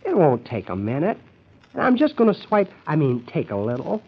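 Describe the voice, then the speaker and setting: An impatient, scheming husband in an old radio comedy, bossy and exasperated. His husky voice swings up and down as he cajoles and grumbles. The recording is dull and lo-fi. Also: a little high, wildly swooping pitch, moderate pace, full character voice. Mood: impatient cajoling.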